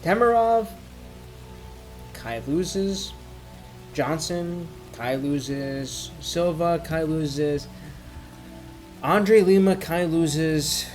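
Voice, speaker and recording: A man with a slightly high voice delivers a loose, tipsy sports rant. He rambles haltingly and thinks out loud as he goes. Faint music and a rain-like sound sit behind him. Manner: drinking while ranting, tipsy rambling. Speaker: MMA commentator giving opinions. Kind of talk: casual off-the-cuff rant.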